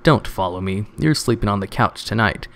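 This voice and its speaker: A man's voice: lowish voice, lively intonation, moderate pace, gravelly, fairly bright tone. A man reading the curt, cold lines of a middle-aged sitcom wife.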